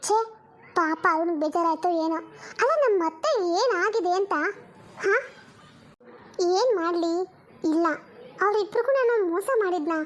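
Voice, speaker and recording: A woman's voice: extremely high pitch, normal speed, long pauses. A woman voicing an indignant young woman who defends herself and reassures her family. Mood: worried.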